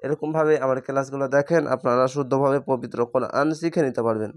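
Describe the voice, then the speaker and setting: A man teaching Quran reading, patiently spelling out each word letter by letter and slowly stretching the recited syllables. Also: medium pitch, clear, resonant tone. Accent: Bangladeshi Bengali. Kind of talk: step-by-step spelling lesson.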